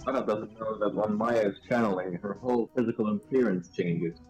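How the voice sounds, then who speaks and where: A man's voice: lowish voice, steady tone, fairly quick, darkish tone, highs cut off, faint music behind. A man reading video game dialogue aloud, mixed with casual commentary. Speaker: gaming show player and reader.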